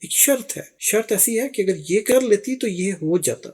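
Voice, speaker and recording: Male tutor, highish husky voice, deliberate examples. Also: expressive, darkish tone. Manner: slow, deliberate English examples between quick Urdu explanations. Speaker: English teacher. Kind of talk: explaining grammar to viewers.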